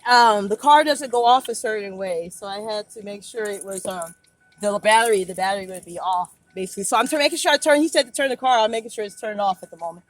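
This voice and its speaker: A woman filming a police stop from her driver's seat speaks quickly into her phone in a mid-range voice. Nervous and rambling, she stammers and keeps repeating herself in a deferential way.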